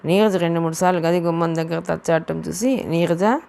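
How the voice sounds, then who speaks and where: Woman reading a novel audiobook, lowish voice w/ a gravelly edge. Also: brisk. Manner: steady storytelling, voicing the dialogue too. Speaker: audiobook narrator.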